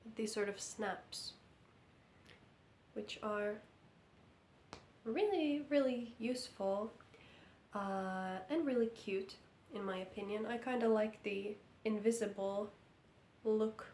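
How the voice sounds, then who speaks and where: A knitting vlogger from Finland, croaky with sickness, shares a casual update in English with a Finnish accent, slow, careful and a touch hesitant. Her mid-range voice is a little mellow, in a reverberant lamp-lit room with a faint hiss or hum.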